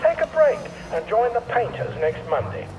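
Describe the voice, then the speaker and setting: Game camp announcer, loudspeaker announcement, distant, loud background noise. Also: male voice, very high voice, very animated, muffled recording. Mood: formal. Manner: formal, measured public announcement. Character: male military camp announcer, formal and orderly. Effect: factory-style loudspeaker announcement.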